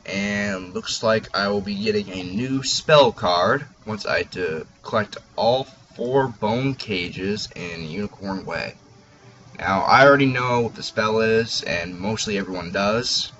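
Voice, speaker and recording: A man's voice: fairly low pitch, takes it slowly, a bit bright, a little hiss or hum. A man giving casual commentary as he records a video game walkthrough. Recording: dull lo-fi mic, game music behind. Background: game music.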